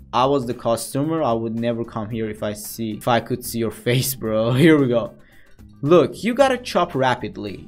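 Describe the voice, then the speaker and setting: A man commenting casually on his game play, chatty and playful, often talking to the characters as if they could hear him. His pitch swings about a lot, from high, surprised jumps to low asides. Soft music plays behind him. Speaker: gaming commentator. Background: background music.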